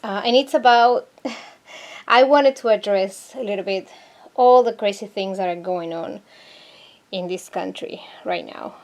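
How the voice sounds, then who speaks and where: A woman's voice: medium pitch, unhurried, darkish tone. A woman from Argentina talking casually to her viewers in a vlog, hesitant and searching for words, earnest and troubled. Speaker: vlogger. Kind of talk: casual talk to camera.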